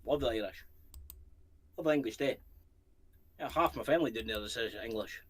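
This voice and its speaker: A man's voice: mid-range voice, fairly quick, a bit bright, slight background noise. Rambling Scottish man in casual chat. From Scotland. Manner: rambling, swearing, jokey. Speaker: co-host of a paranormal channel.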